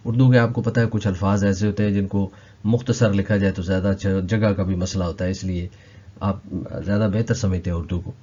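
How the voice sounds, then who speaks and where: Male language teacher, low dark husky voice, patient word-by-word repetition, dull lo-fi recording. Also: steady tone. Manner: slow, repeats each word several times. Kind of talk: explaining vocabulary lesson.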